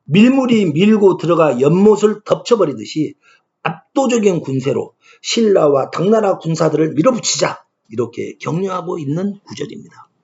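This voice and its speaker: A man's sing-song voice, on the high side and a little mellow, moves at a moderate pace through a classroom lecture on ancient Korean poetry. He keeps raising questions and answering them emphatically himself. The recording is dull and lo-fi.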